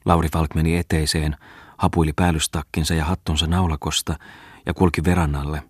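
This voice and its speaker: Deep, husky male audiobook narrator. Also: no echo, clean studio sound. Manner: measured, even reading. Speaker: audiobook reader.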